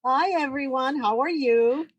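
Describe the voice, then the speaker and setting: A woman of sixty-nine, a guest chatting warmly about her marriage, quick to laugh and joke about herself. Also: sits high, breathy edge, lo-fi sound. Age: 60s. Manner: chatty, laughing, self-joking. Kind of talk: casual interview chat.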